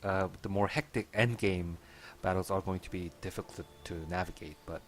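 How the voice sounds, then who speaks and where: A man's voice: low voice, fairly even intonation, moderate pace, slight background noise. A man giving casual, musing gameplay commentary, somewhat hesitant. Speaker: game commentator. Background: faint game music.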